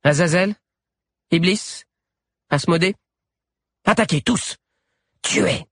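A man voicing a proud teenage wolf girl who speaks calmly and with scorn. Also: medium pitch, unhurried, husky, no echo, studio quality. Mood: commanding. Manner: calm and scornful.

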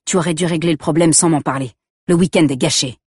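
A woman's voice: sits low, quick pace, a little mellow, breathy edge, dry recording, clean studio sound. A woman voicing an angry, controlling young man who talks coldly and accusingly, in a first-person story reading. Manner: cold and accusing, shifting to coaxing.

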